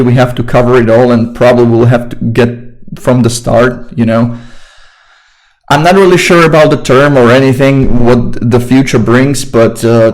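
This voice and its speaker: A man's voice: medium pitch, poor audio. A young man with a Slovak accent, teaching English grammar in an informal, chatty online lesson and repeating his phrases.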